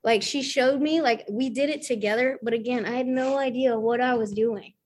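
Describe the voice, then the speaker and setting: Southern woman telling her story at a meeting, kinda highish voice, rambly and funny about herself. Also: normal speed, slight background noise. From American South. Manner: chatty, self-deprecating, full of fillers and acted-out quotes. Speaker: speaker sharing at a recovery meeting. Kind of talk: casual personal testimony.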